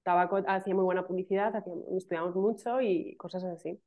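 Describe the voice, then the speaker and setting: A woman's voice: on the low side, quick pace. A woman in her thirties from Spain with a Castilian Spanish accent, a guest chatting casually and animatedly in a video call interview. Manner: chatty, animated, lots of fillers and laughs. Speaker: guest, email marketing specialist. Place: small room at home. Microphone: laptop microphone on video call. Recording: dull lo-fi video call audio.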